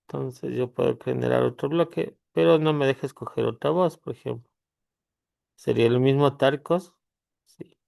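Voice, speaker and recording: Un hombre que presenta un tutorial de software grabado en pantalla. Explica con pausas y remata sus frases con "¿no?". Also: male voice, medium pitch, creaky, dry recording, studio quality. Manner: halting explanation, pausing with tag questions. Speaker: tutorial host. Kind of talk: screen-recorded software tutorial.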